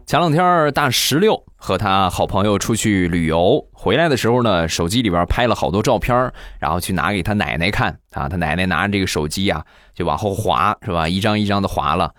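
A man hosting a comedy show, telling jokes and funny anecdotes in a teasing, animated way into a close, dry mic. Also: low voice, fairly quick, few pauses, no echo, soft background music. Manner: teasing, animated, acts out quotes. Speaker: comedy podcast host. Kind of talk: joke storytelling.

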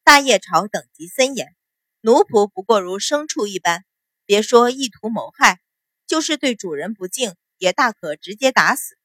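A woman's voice: medium pitch, lively intonation, normal speed, fairly bright tone, no room sound, studio quality. A woman voicing a cold, imperious young noble lady who hands down judgments with scorn in an audiobook. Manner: icy, commanding, scornful.

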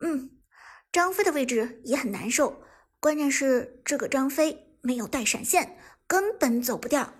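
A woman voicing an eager young female esports commentator who speaks brightly and rises high. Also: lively intonation, measured pace. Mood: calm.

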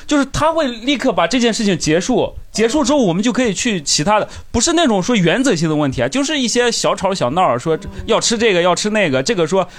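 A man's voice: sits high, big pitch swings, fast, few pauses. A man on a comedy podcast, chatting casually and acting out how he soothes his girlfriend. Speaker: podcast co-host.

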